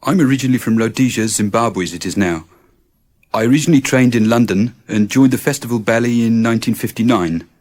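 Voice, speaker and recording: A man reading the part of a retired male principal dancer turned administrator, relaxed and matter-of-fact. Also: mid-range voice, fast, close to an everyday voice. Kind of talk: scripted exam monologue.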